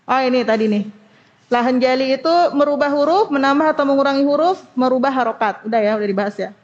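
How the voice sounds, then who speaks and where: A woman teaching Quran recitation to a study group, slowly demonstrating sounds and asking the class to repeat after her. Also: high voice, in a large hall, highs cut off. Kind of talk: women's study group lesson.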